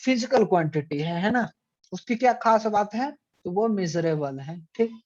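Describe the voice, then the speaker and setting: A man's voice: high voice, lively intonation, unhurried, dry recording. A man teaching an online physics class, asking the students questions and answering them himself. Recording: dry, dull lo-fi audio.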